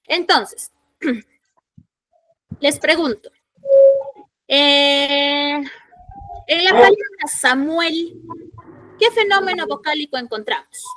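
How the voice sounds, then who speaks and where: High-voiced woman teaching an online class. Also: drawn-out words, long pauses, sharp tone. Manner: questioning, repeats key points for students. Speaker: secondary school language teacher. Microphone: computer mic in an online class.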